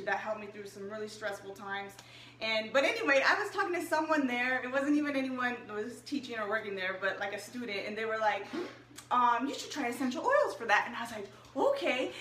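Chatty high-voiced woman in an echoey room. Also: a bit bright. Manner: chatty and upbeat, addresses viewers directly. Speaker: health and wellness coach. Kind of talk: casual live-stream chat. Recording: echoey room, mic at a distance, faint hiss.

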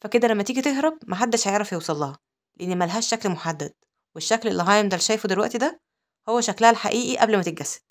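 A woman with an Egyptian accent narrating a comic-story recap, with quick asides. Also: medium pitch, lively intonation. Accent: Egyptian Arabic. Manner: rapid, breathless storytelling with asides.

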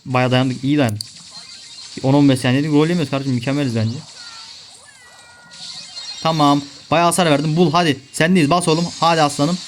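A man's voice: a little high, steady tone, normal speed, pauses often, soft background music. A young man giving live gameplay commentary, ranting and swearing at his teammates in frustration. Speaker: gaming video creator.

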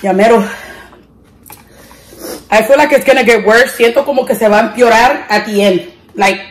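Slow, tearful young woman vlogger. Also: fairly high pitch. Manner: switches between Spanish and English; distressed, groaning and exclaiming. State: teary from spicy food. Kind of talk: casual vlog chat.

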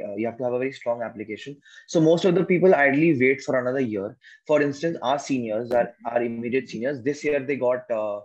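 A man's voice: mid-range voice, darkish tone. Indian accent guy in his twenties explaining stuff on a video call, mid voice, bit lo-fi. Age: 20s. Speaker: graduate student being interviewed. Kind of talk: casual explanatory answers in an interview. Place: small room at home, indoors. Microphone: video call, device at arm's length. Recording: slightly dull video-call audio.

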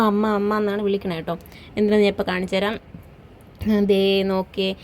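A woman, chatting away in a relaxed, rambling way as she vlogs her family evening at home. Her voice sits at an ordinary middle pitch, and a faint hiss of room noise runs underneath. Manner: chatty, tags sentences with "kettō". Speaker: vlogger, mother. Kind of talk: casual home vlog narration.

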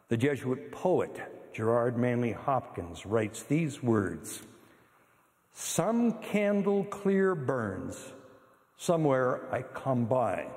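A man serving as priest, reading the Gospel and preaching at Mass in a measured, solemn way, with a long church reverb. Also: mid-range voice, a little mellow. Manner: measured, solemn liturgical delivery.

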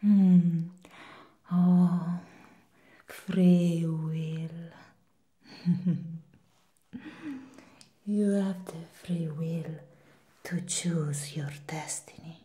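A woman acts out a seductive she-devil in an ASMR role-play. The demonic soft voice is very slow, soft and dark, low-pitched and breathy. She coaxes and teases like a temptress luring a human. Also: steady tone. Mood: teasing, flattering.

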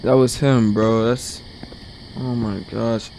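A man's voice: mid-range voice, little pitch movement, takes it slowly, darkish tone, slight background noise. A young man playing a horror game as a streamer, jumpy and scared, muttering one moment and shrieking the next, and saying "bro" constantly. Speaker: gaming streamer.

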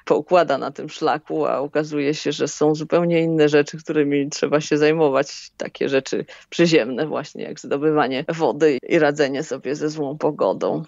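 A woman guest in an interview, answering questions in a calm, thoughtful and explanatory way. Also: sits low, normal speed, vocal fry, hardly any pauses, dry recording, muffled recording. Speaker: long-distance hiker, guest.

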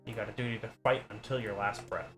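A man reading aloud and voicing a vulgar, fierce old grandmother with a rough, rustic way of talking. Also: lowish voice, fairly even intonation, quick pace, music in the background, lightly acted. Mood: stern.

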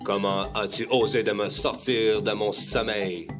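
A man voicing a big proud male lion king in a storybook, gruff and commanding. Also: fairly low pitch, fairly even intonation, a little slow, music in the background, natural voice. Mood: stern.

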